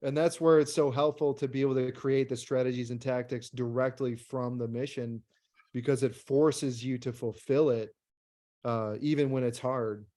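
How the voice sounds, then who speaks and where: A man talks on a video call as a guest coach, with a middle-pitched voice. He explains his point earnestly in a casual, conversational way. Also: fairly even intonation, normal speed, warm tone.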